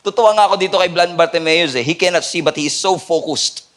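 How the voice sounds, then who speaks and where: At a night service in church, a man with a Filipino accent delivers a sermon in a blend of Tagalog and English, shifting between hushed and loud. His voice is on the high side and he speaks fast.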